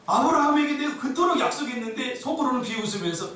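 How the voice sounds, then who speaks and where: Lively male pastor in an echoey hall. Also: extremely high pitch, fast, slight background noise. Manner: animated, acts out quoted voices. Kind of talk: sermon. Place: church sanctuary. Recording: echoey church hall, mic at a distance.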